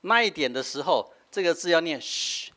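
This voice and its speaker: Taiwanese pastor guy preaching, middle-aged, kinda high voice that jumps around a lot, keeps saying hah. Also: expressive, moderate pace, pushed and bright. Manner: explanatory, frequent filler "hah" tags, switching between Taiwanese and Mandarin. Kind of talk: sermon teaching.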